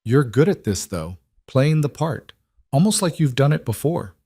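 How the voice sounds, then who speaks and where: A man's voice: medium pitch, big pitch swings, normal speed, mellow, slightly rough, no room sound, studio quality, pitched above the performer's own voice. A man voicing a suspicious young society woman who probes and threatens coldly. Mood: probing. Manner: probing, cold, menacing.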